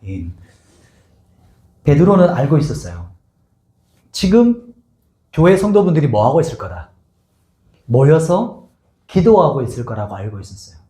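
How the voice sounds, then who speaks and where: A man's voice: mid-range voice, very animated, moderate pace, long pauses, dark tone. A man preaching a sermon as pastor, asking his congregation question after question and leading them in reading scripture aloud. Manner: asks the congregation many rhetorical questions; acts out the scene with voices. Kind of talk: expository sermon. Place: church sanctuary. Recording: echoey church sanctuary.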